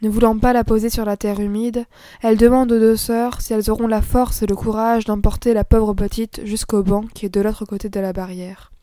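A woman reading a story aloud in a measured, expressive narration. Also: on the high side, no echo. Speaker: audiobook narrator. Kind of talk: scripted narration.

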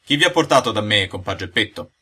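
A stubborn old carpenter, as a male narrator puts him on, snaps back bluntly in a fairly ordinary, loud voice. Bright and a touch husky, the storybook figure keeps his speaking voice near the reader's own. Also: fairly low pitch, animated, quick pace, exaggerated voice. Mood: gruff. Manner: blunt, bickering.

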